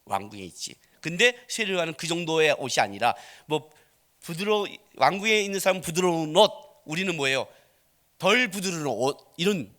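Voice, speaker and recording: A male pastor delivers a blunt sermon in a lively, conversational way, peppered with rhetorical questions. His voice sits high and bright, and his pitch swings widely as he presses each point.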